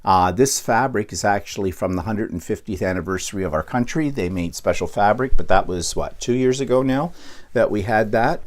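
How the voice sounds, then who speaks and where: Rambling through a casual show-and-tell, a middle-aged Canadian quilting vlogger keeps saying um, restarting sentences and clearing his throat from time to time. His voice is on the low side.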